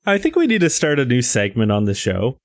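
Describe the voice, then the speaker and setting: A relaxed, wry man co-hosting a casual podcast, nudging the talk along. His voice has an average male pitch. It is recorded close and dry. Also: brisk, no room sound. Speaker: podcast co-host.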